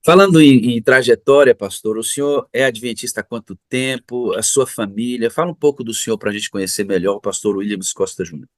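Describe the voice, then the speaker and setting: A man's voice: mid-range voice, a little fast, few pauses, no room sound. Brief: middle-aged Brazilian man, church interviewer, effusive, dry close sound.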